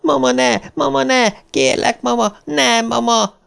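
A man's voice: very high-pitched, fairly even intonation, creaky, smooth, pitched above the performer's own voice, full character voice. A man voicing a terrified male asylum patient who screams in panic for his mother in an audiobook. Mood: terrified screaming. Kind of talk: audiobook character voice.

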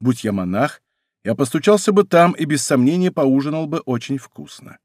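A proud young Gascon musketeer, voiced by a man reading an audiobook, with a Gascon accent, raised and ringing, swinging lively up and down. He talks back brashly and defiantly, quick to threaten with his sword. The read sounds close and dry. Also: a little high, dry recording. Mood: brisk. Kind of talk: audiobook character voice.

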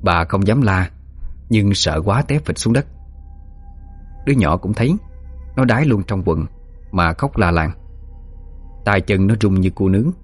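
A man's voice: lowish voice, lively intonation, unhurried, pauses often, slightly rough, soft background music. A man narrating a ghost story vividly.

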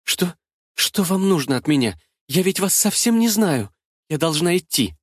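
A man's voice: sits high, sing-song, normal speed, dry recording, clean studio sound, pitched above the performer's own voice. Man doing a scared refined lady, faltering, breathless, pleading, slightly raised voice. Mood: frightened. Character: frightened genteel young married woman.

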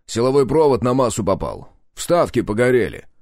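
A male narrator voicing a brash, hot-tempered buddy in an audiobook, shouting and cursing with raised, forceful lines. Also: mid-range voice, sing-song, normal speed, no room sound, clean studio sound, voice pushed up, lightly acted.

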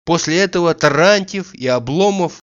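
A man reading a classic novel aloud as narrator, expressive and theatrical. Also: a little high, moderate pace, smooth, dry recording, dull audio. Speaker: audiobook narrator. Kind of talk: literary audiobook reading.

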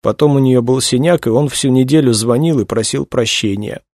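A man reading a novel aloud, voicing a distraught young woman who is crying and speaks in a halting, high voice. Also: darkish tone, no room sound, clean studio sound, close to an everyday voice. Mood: tearful. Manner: halting, tearful, high-pitched.

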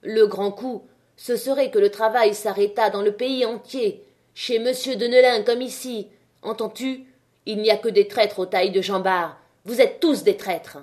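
A woman's voice: mid-range voice, fairly even intonation, normal speed, natural voice. A woman voicing a fiery male strike leader. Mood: rousing. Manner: rousing, forceful speech to a crowd. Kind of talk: audiobook reading.

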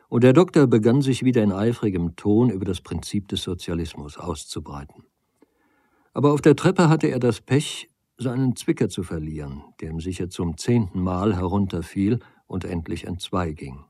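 A man reading a literary novel aloud as an audiobook, in a calm, measured storytelling manner. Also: low-pitched, breathy edge, no room sound, clean studio sound. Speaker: audiobook reader.

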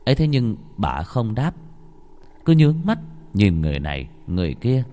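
Guy reading a horror story, low voice, big reverb. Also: big pitch swings, normal speed, dark tone. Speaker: narrator. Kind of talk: scripted horror story narration. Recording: long hall reverb.

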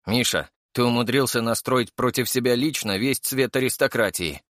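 A man's voice: mid-range voice, moderate pace, a bit bright, no echo, clean studio sound, close to an everyday voice. A man reading an audiobook and voicing a gloomy, irritable young male comrade who sighs and grumbles. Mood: sour. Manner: sighing, sour, irritable.

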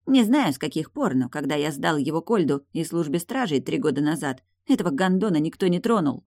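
A woman's voice: low-pitched, big pitch swings, brisk, darkish tone, dry recording, studio quality, exaggerated voice. A woman reading the part of a scared but defiant male drug dealer in an audiobook. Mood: groaning. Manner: whining, defiant.

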